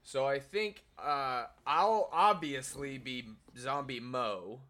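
A man hosting a comedy podcast, talking slowly and hesitantly with lots of fillers and restarts. The tone is bright and a little tense. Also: mid-range voice. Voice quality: halting, hesitant, many "uh"s and restarts. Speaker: podcast co-host. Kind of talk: casual banter.

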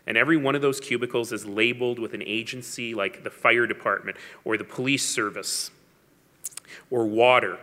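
A Canadian man with a low, sharp-toned voice gives a public speech as mayor, telling stories with wry asides and emphasis. He's in a large hall, and the recording carries a long reverb.

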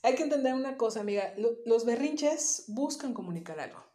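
A woman's voice: on the high side, animated, a little fast, mellow. A woman with a northern Mexican accent from Monterrey, co-hosting a casual podcast and explaining things directly to listeners. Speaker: podcast co-host, child psychotherapist. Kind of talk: casual conversational podcast talk. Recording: roomy echo, faint music.

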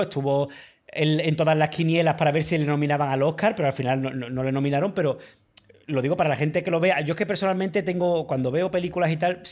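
A man, chatting casually and enthusiastically about films as a podcast co-host, full of slang. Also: fairly high pitch. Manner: enthusiastic, uses slang and filler words. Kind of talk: casual film discussion.

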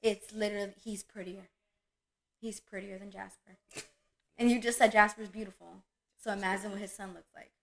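A woman in casual chat, telling lively stories about her dogs and acting out their voices. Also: mid-range voice, a little fast, gravelly, pauses often, rough recording. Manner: animated storyteller, acts out her dog's voice. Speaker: dog breeder.

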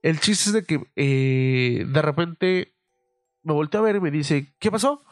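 A young man with a Mexican accent, telling a story casually on his podcast, swearing freely and filling pauses with "eh". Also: on the high side, no echo, clean studio sound, faint music behind. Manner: profane, loose, full of fillers. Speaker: podcast host.

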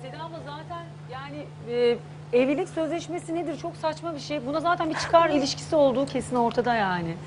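A woman hosting a talk show, firm and quick to cut in and take control. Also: high voice, lively intonation, crowd noise. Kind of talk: moderating a studio talk show.

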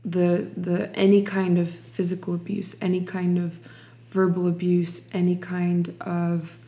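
A young woman from Ukraine shares her testimony in a slow, deliberate way, often restarting her sentences as she gathers her thoughts. Her voice sits low for a woman and stays fairly even, with little rise and fall. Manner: slow, reflective, many restarts. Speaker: guest sharing testimony. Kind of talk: personal testimony interview.

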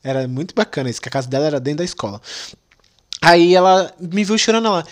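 A young man with a high-pitched voice, hosting a podcast. He tells comic stories in an animated, playful way, full of slang. He speaks into a studio mic with headphones on. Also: fast. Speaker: podcast host. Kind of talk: comic storytelling.

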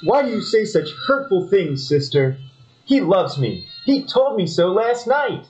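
A man's voice: sits high, big pitch swings, unhurried, a little mellow, lo-fi sound, soft background music. A man voicing a naive, lovesick young brother in a parody soap opera, whiny and melodramatic.

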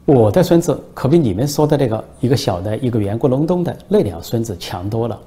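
A man's voice: mid-range voice, very animated, fast talker, dark tone, lightly acted. A man voicing a proud old man of seventy-eight in a told joke, blunt and dismissive. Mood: blunt, boastful.

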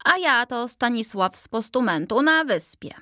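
A woman voicing a second old gentleman statue, wry and plain-spoken. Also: fairly high pitch, very animated, normal speed, no room sound, studio quality, pitched above the performer's own voice.

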